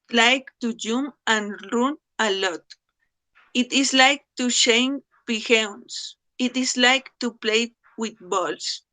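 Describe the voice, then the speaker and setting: A young Colombian woman, a psychology student, introduces herself in simple English for class. Her voice is bright and a little high. She speaks slowly, with halting learner phrasing. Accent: Colombian Spanish. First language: Spanish. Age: 20s. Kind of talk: slow read English class presentation.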